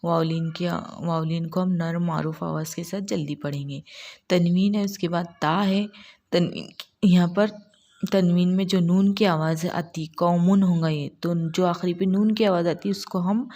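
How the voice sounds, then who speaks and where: A woman teaching Quran recitation step by step, patiently repeating syllables slowly and drawn out. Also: fairly low pitch, steady tone, warm tone. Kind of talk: step-by-step tajweed lesson.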